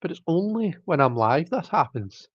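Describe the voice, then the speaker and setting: A man with a slightly high voice and big pitch swings hosts a live stream at normal speed, casually reading chat. His talk rambles with many fillers and restarts as his throat keeps catching. There's no room sound, and the audio is dull.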